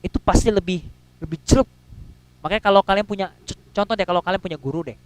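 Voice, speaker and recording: A man preaching a sermon in a casual, slangy way, swinging between loud and soft and acting out quotes. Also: high voice, fast, no echo, poor audio.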